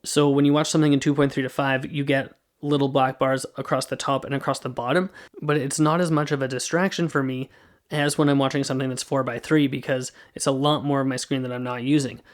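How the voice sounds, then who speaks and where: Man, podcast host, casual movie review, rambling, smooth clear voice. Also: mid-range voice, little pitch movement, fast talker. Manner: casual, rambling, self-correcting.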